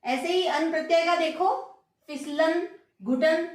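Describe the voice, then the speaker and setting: Slow, high-pitched woman teaching in an echoey room. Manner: patient, repeats examples, asks rhetorical questions. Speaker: Hindi grammar teacher. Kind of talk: slow classroom explanation. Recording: very echoey room, distant mic.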